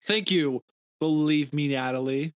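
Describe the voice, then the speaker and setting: A man's voice: fairly high pitch, measured pace, smooth, no echo. A young man co-hosting a podcast in casual chat, rambling and crude, with many restarts and swearing. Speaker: podcast co-host.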